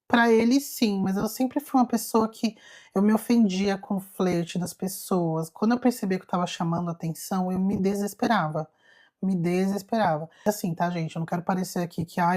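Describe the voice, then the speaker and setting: A Brazilian woman with a Brazilian Portuguese accent hosts a spiritual self-knowledge live stream in casual chat. Her voice sits a little low, and she tells the story in an animated, confiding way. She keeps turning to her viewers as she speaks.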